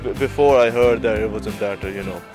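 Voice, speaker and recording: A man's voice: fairly low pitch, fairly quick, music in the background. A young male student answering street interview questions outdoors, hesitant with many fillers and restarts. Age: young adult. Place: outdoors on a city street by trees. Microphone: handheld shotgun mic held by interviewer.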